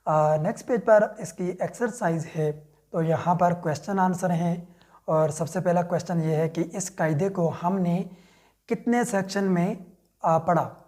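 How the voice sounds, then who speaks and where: Slow, mellow-voiced man teaching patiently. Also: sits high. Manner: patient, step-by-step explaining, mixing in English words. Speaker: Quran reading teacher. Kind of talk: screen-share lesson voice-over.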